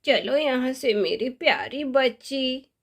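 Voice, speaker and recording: A woman's voice: high-pitched, takes it slowly. A woman voicing a fierce grandmother who scolds and threatens a witch in a doll story. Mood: reassuring.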